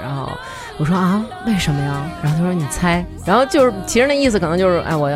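A woman, co-hosting a comedy talk show, telling stories in a chatty, animated way and laughing as she goes. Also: fairly low pitch, fast, over music. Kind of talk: casual comedic storytelling.

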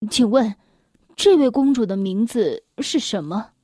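A woman's voice: fairly high pitch, animated, unhurried, dark tone, no echo, clean studio sound. A woman voicing an earnest, lovestruck young prince in a children's story, speaking with a heartfelt delivery. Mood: polite.

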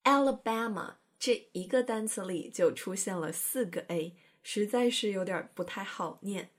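A woman's voice: mid-range voice, measured pace, faint music behind. A woman hosting an English-learning program, explaining in a chatty, playful way with careful pronunciation demos. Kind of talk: educational podcast narration.

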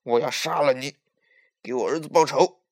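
A man voicing an angry old male sea dragon king in a children's story, shouting threats in a raised voice. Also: mid-range voice, moderate pace, pitched above the performer's own voice, lightly acted. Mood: menacing.

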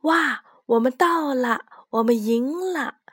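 A woman's voice: mid-range voice, moderate pace, slightly rough, no room sound, clean studio sound, full character voice. A woman voicing a sly, clever little rat in a storybook. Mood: excited. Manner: excited, then evasive.

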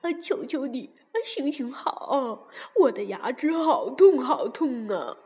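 A woman's voice: high voice, lively intonation, takes it slowly, husky, heavily acted. A woman voicing a whimpering fox in pain. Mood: pleading, moaning. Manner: moaning, pleading, groaning in pain. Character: sly adult male fox, pitiful and whining. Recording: long reverb.

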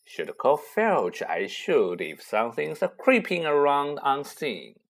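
Man putting on a greasy, slow poltergeist. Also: on the high side, very animated, heavily acted. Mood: sly. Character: mischievous sly poltergeist, male, greasy and wheedling.

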